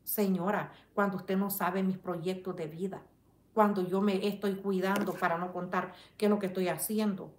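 A woman hosts a casual live-stream chat, reading viewers' comments and indignantly defending herself, even addressing a rival directly. She speaks in a steady, medium-pitched voice at a moderate pace, uses religious phrasing and prays for her audience, in an echoey room with slight background noise.

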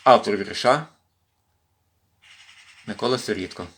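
A man from western Ukraine reading poems aloud in an expressive recitation during a home livestream. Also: lowish voice, a little slow. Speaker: poetry reader in a volunteer series. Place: at home with his cat.

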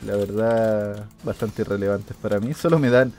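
A man giving casual commentary over his own gameplay, animated, bursting into sudden shouts and sound effects. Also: on the low side, normal speed, soft background music. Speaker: gaming streamer.

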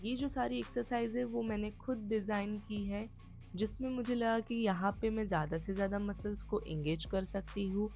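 Over a light music bed, a woman fitness vlogger delivers an instructional voice-over in a dark-toned, mid-range voice. She speaks directly to viewers, explaining steps and giving reminders.

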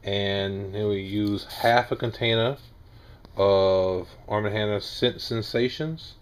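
A low-voiced Southern man in his forties explains things in a plain, rambling way. His pitch stays flat and even. A faint hum of the small wood-paneled room sits behind him. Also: slow pace. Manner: plain-spoken, rambling with restarts and fillers. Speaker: homestead vlogger. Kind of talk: casual how-to video.

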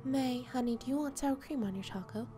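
A woman's voice: fairly quick, music in the background, lightly acted. A woman voicing a cheerful, doting mother in a game, her voice lifted sweetly above her own. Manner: sweet, bright, lifted pitch.

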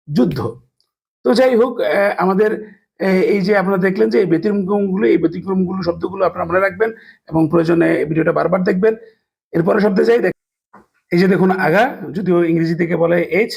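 A man teaching a language lesson, slowly spelling out letters and sounds with many hesitations. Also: high voice, vocal fry, breathy edge. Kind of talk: explanatory lesson.

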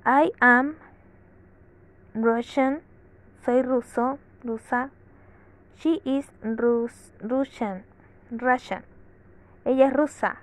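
Slow, careful woman, voice a touch high, reading and translating an English lesson. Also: rough recording. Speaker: English teacher.

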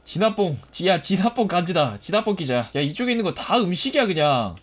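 Animated man commenting on gameplay. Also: sits high, a little fast. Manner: animated, jokey, swears and yelps at enemies. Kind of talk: casual let's-play commentary.

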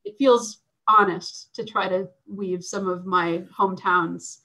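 Woman panel guest, mid pitch, hesitant and filler-heavy, talking over a video call. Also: steady tone, slow, pushed and bright, low-quality recording. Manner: hesitant, many fillers and laughs. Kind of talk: casual discussion on a video call.

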